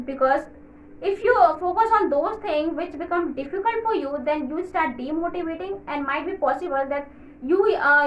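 High-voiced woman teaching pronunciation. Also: roomy sound, poor audio. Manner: explains at length, repeats phrases, frequent "uh" fillers. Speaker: English teacher. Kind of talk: casual video lesson.

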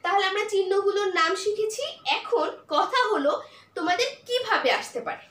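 A woman's voice: very high-pitched, expressive, brisk, fairly bright tone. A woman teaching an online class for young children, patiently asking questions and answering them herself. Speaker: primary school teacher. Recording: echoey room with faint noise.

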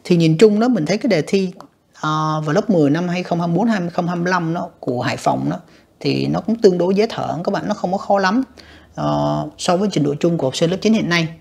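An English teacher who walks students through exam answers, addressing them often and slowing down to sound out words. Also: medium pitch, gravelly, a little mellow, slightly rough.

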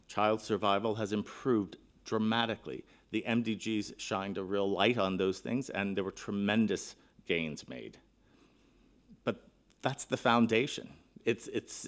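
A middle-aged man delivers a conference keynote from a panel table, his voice sitting a little low. He talks earnestly and with emphasis, restarting phrases as he thinks aloud into a table microphone. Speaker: keynote speaker.

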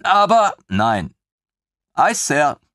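A man voicing an eager, naive young male lieutenant in a fantasy audiobook, talking in an excitable, pompous way. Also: on the high side, extremely slow, dry recording, clean studio sound, voice pushed up, exaggerated voice. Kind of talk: audiobook character voice.

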